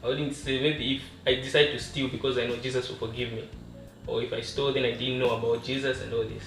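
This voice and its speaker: A man from Zambia, a guest calmly explaining his beliefs in a casual discussion. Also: mid-range voice, quick pace. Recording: echoey room, distant voice, faint music.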